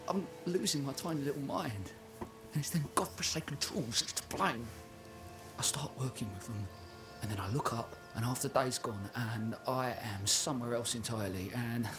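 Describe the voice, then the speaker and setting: An actor playing a nervous, guilt-ridden village blacksmith in a video game, hesitant, rambling and flustered. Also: male voice, mid-range voice, lightly acted. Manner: hesitant, rambling, flustered, voice leaps when agitated. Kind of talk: dramatic video game acting.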